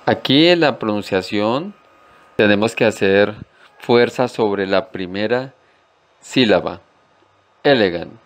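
Slow, deliberate male language teacher. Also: on the low side. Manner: slow and deliberate, repeating each word carefully. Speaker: English teacher. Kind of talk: slow-paced language lesson.

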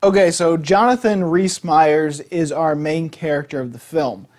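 A man's voice: on the high side, unhurried, darkish tone. A man giving a casual movie review, blunt and opinionated, swearing freely.

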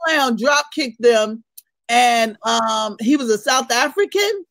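A woman co-hosting a casual morning chat show, loud and laughing as she tells stories and gossips. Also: on the high side, lively intonation, takes it slowly, dry recording. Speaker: co-host.

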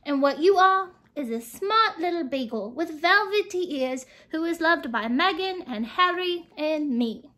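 A woman's voice: extremely high pitch, animated, a little slow, hardly any pauses, sharp tone, full character voice. A woman voicing a kindly, gracious elderly queen while reading a storybook aloud to children. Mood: tender.

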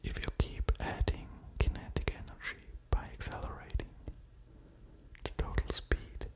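Slowly whispering man, close ASMR. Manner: slow, deliberate whispering close to the ear. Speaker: ASMR creator explaining physics. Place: small quiet room at home, indoors. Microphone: pair of studio condenser microphones with pop filters, very close.

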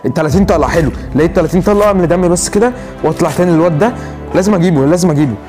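A man with an Egyptian accent giving live commentary over a mobile shooter game, excitable and talking to himself, repeating words urgently. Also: on the high side, racing, music in the background. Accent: Egyptian Arabic. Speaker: gaming channel host.

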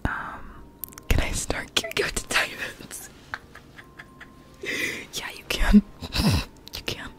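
A woman's voice: slow, pauses often, fairly bright tone. A young woman in her late teens whispering close to a studio mic in her bedroom, reading chat messages aloud and answering them in whispered live-stream chat. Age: young adult. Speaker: ASMR streamer. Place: bedroom with plush toys, indoors. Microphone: studio mic close in front.

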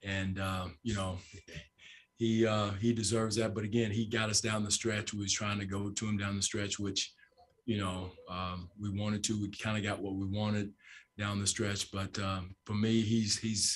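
A basketball coach in his sixties fields postgame questions at a table microphone in a press room with a sponsor backdrop. His low voice stays level with little pitch movement. He speaks in a measured way, restarting often, repeating phrases and relying on fillers.

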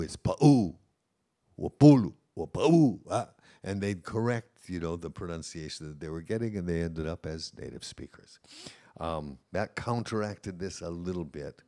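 A man's voice: deep voice, a little mellow. A man, a professor of Hawaiian language, giving an informal lecture to a room of teachers in a conversational, anecdotal way, with frequent "you know" asides.

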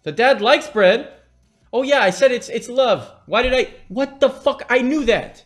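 A man's voice: very high-pitched, measured pace, soft background music. A man in his late twenties streaming from a small room at his desk, casually thinking aloud, joking and swearing. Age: late 20s. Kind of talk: casual live-stream commentary.

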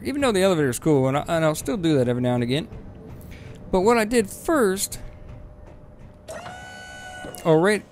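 A man giving rambling, casual let's-play commentary on his game, swearing freely and breaking into excited bursts. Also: a little high, a little hiss or hum. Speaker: gaming video host.

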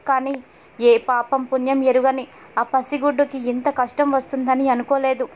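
A woman's voice: high-pitched, little pitch movement, moderate pace, close to an everyday voice. A woman voicing a worried, tearful middle-aged mother-in-law in a sorrowful lament. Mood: grieving. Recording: dull lo-fi audio.

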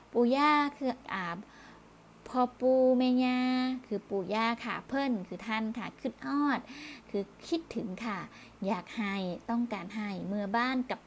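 A woman's voice: mid-range voice, slight background noise. A woman teaching primary school children in a recorded review lesson, speaking patiently, repeating words and closing phrases politely.

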